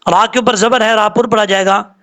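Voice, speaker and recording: High-voiced man teaching Quran recitation. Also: steady tone, fairly quick, fairly bright tone. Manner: spells out letters and vowel marks, then drawls out the recited words. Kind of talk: slow step-by-step tajweed lesson.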